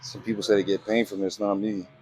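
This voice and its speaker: A man's voice: lowish voice, flat delivery, fast talker, darkish tone, a little hiss or hum. A man talking casually in a slangy, profane gym-bro manner, as in a workout vlog. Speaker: fitness vlogger. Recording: music playing behind the voice. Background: music.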